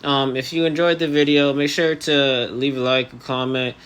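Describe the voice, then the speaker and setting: A man's voice: medium pitch, steady tone, normal speed, fairly bright tone, clear, resonant tone. Young man with slightly restricted articulation. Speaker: vlogger. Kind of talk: personal vlog monologue to camera.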